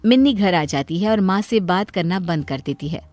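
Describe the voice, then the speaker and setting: A woman's voice: fairly low pitch, expressive, normal speed, darkish tone, faint music behind. Woman narrating a cartoon story.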